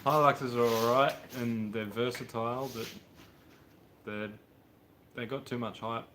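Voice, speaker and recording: A Brisbane man in his thirties with an Australian accent speaks at a measured pace, his medium-pitched voice fairly bright with fairly even intonation. He rambles casually and slangily while answering livestream viewers from a home workshop with a car on a hoist, with slight background noise.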